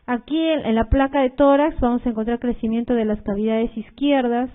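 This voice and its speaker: Female medical lecturer, fairly high voice, talks through slides with fillers and repetition, phone-quality audio. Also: steady tone, a little fast. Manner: explanatory, uses fillers like "este" and "eh"; repeats key points, addresses students directly. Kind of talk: recorded cardiology lecture over slides.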